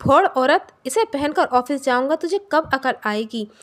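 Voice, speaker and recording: A woman's voice: high voice, animated, measured pace, fairly bright tone. A woman voicing a short-tempered adult husband who rebukes and insults his wife in a storybook reading. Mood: angry scolding.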